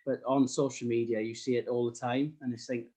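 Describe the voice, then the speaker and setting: A middle-aged man speaks in a South Wales Valleys accent at an ordinary, medium pitch. He chats casually as an interview guest, modest and a little hesitant in how he puts things. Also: level tone, fairly quick, warm tone, breathy edge. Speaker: podcast guest, sports graphic designer.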